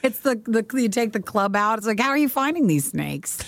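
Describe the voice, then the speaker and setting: A woman co-hosting a casual chat show, playful and quick with jokes and laughter. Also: on the high side, very animated, no room sound. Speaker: co-host.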